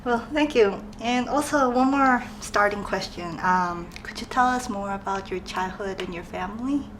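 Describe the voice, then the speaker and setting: A young woman conducts an oral history interview, politely introducing her guest and asking questions. She has a middle-pitched voice. Faint noise sits under the voice. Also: normal speed. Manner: polite, with soft laughs. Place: conference room.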